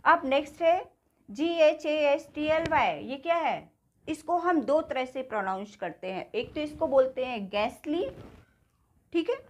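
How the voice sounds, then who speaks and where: A woman's voice: sits high, expressive, normal speed, slight background noise. A woman with an Indian accent teaching spoken English, patiently repeating words and asking her class questions.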